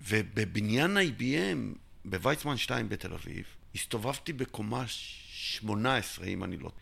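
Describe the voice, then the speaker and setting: A middle-aged man from Israel, an interviewee telling his business story in an animated way, acting out both sides of each conversation. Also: fairly low pitch, vocal fry, husky. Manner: tells a story by acting out both sides of a dialogue, sometimes shouting. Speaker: interviewee, entrepreneur. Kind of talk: animated storytelling with acted dialogue.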